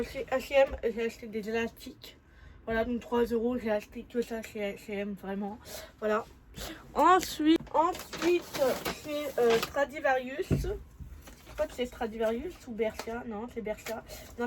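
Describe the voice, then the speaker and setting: Young female vlogger, mellow and slightly high voice, rambling casual delivery with lots of fillers. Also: a little hiss or hum, rough recording. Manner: chatty, many fillers and self-corrections. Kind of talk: casual travel vlog chat.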